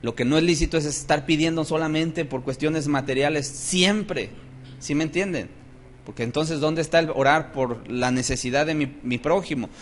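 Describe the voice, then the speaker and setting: Emphatic pastor preaching. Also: male voice, a little high. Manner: emphatic, with rhetorical questions to the congregation. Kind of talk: sermon.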